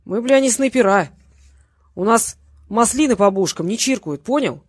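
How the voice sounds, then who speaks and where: A reader voicing a crude, threatening male thug who talks in rough slang, a little louder and higher than the narration. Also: lively intonation, normal speed, dry recording, clean studio sound. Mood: menacing. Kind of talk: audiobook character voice.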